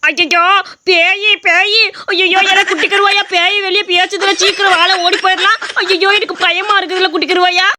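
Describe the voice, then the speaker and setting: A woman's voice: very high-pitched, fairly even intonation, fast, very noisy. A woman voicing a grumpy older brother in a cartoon story, scolding in rural speech. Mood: frightened.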